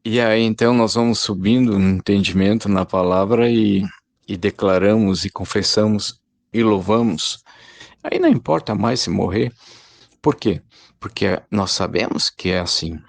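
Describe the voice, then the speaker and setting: A man's voice: on the low side, moderate pace, gravelly, no room sound. A man giving a rambling, informal spoken sermon and calling his listeners brothers. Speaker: lay preacher.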